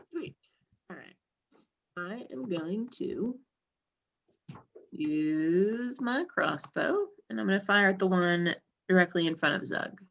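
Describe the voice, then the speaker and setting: A woman plays a tabletop game and speaks briskly and matter-of-factly. Her voice has a gravelly fry. The recording sounds slightly dull and lo-fi. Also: lowish voice, animated, fairly bright tone. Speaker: player.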